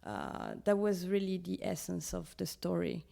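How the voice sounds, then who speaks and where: A woman's voice: on the low side, big pitch swings, normal speed, gravelly, dark tone. A woman from Peru, a film director, talking in an interview and searching for words as she explains her ideas. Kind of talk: casual interview talk.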